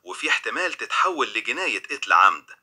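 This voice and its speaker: Young male lawyer, read by a man, blunt and matter-of-fact, Egyptian accent, husky tone. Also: mid-range voice, big pitch swings, quick pace, pushed and bright, heavily acted. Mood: grave.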